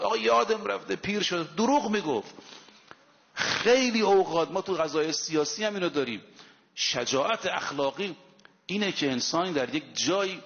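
A man's voice: on the high side, a bit bright. Preacher man in an echoing hall. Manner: emphatic storytelling, quotes Arabic scripture. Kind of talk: sermon. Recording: long hall reverb, dull lo-fi sound.

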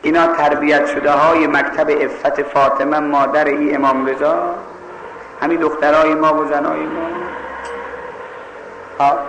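A man from Mashhad preaching a sermon, telling a story in an animated, scolding way. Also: a little high, gravelly, long pauses, reverberant, in a large hall, slight background noise, rough recording. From Mashhad, Iran.

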